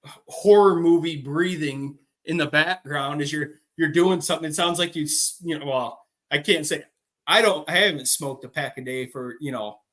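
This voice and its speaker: A man's voice: a little high, normal speed, fairly bright tone. A man co-hosting a podcast, chatting casually. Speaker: podcast co-host. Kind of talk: casual chat.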